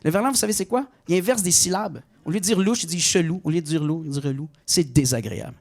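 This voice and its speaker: A middle-aged man from Quebec with a Québécois accent, performing a stand-up comedy routine with mock outrage and high-pitched punchlines. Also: quick pace, vocal fry, a little mellow. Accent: Québécois French. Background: audience laughter.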